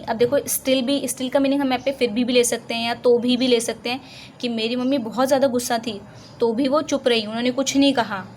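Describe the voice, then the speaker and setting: A fairly high-voiced woman with an Indian accent teaches English conjunctions, explaining in Hindi. She reads each English example slowly and deliberately, then asks and answers her own questions. A faint hiss sits under the recording. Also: low-quality recording.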